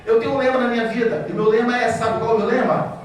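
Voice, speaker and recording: Brazilian man, high voice, pastor preaching to couples, lively back-and-forth with the crowd, far from the mic in a very echoey hall. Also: quick pace, soft background music. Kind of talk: sermon to couples.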